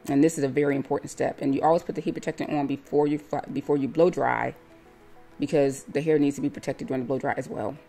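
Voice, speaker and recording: Low-voiced woman calmly narrating a hair tutorial. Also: fast, faint music behind. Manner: calm, step-by-step instructive. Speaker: hair stylist.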